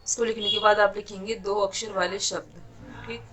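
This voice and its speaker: Patient woman teacher, flat steady delivery. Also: medium pitch, brisk. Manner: patient, explains step by step, often checks with "ठीक है". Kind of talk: online kindergarten lesson.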